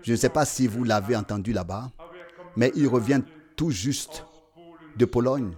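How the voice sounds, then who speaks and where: A man preaching a sermon, emphatic, with a sing-song cadence that swings between loud declarations and hushed asides. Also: mid-range voice, normal speed.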